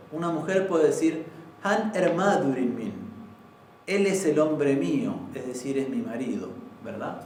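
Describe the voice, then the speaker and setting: A man teaching a language class, patiently explaining and repeating words slowly. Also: fairly high pitch, darkish tone, a little hiss or hum. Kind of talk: informal classroom lesson. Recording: very echoey room, from far off.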